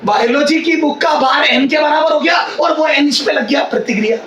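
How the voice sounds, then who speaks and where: A male physics teacher giving a classroom lecture in a loud, near-shouting voice, repeating phrases and quizzing his students. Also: very high voice, a little fast, muffled recording. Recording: echoey classroom, mic far off, faint hiss.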